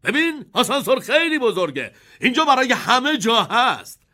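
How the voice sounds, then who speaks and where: A man's voice: very high voice, very animated, pushed and bright, pitched above the performer's own voice, exaggerated voice. A man voicing an eccentric, kindly old chocolate maker in an audiobook, with a theatrical, chuckling delivery.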